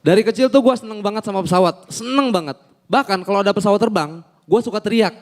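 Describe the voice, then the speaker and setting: Animated high-voiced young comedian. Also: male voice, quick pace. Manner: animated storytelling, acting out characters in shifting voices. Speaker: stand-up comedian. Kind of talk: stand-up comedy set.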